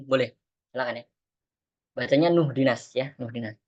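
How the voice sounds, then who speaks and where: A man teaching Quran recitation in an online class, explaining patiently and chanting verses slowly. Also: medium pitch, a little mellow, lo-fi sound.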